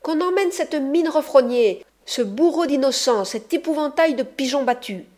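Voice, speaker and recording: A woman reader gives voice to a quarrelsome young woman who shrieks her scorn. The voice climbs far above the reader's own and comes out loud and cutting. It is audiobook storytelling with every line flung like an insult. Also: fairly high pitch, expressive, normal speed, pitched above the performer's own voice, lightly acted. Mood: scornful. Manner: shouting, scolding. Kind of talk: audiobook reading.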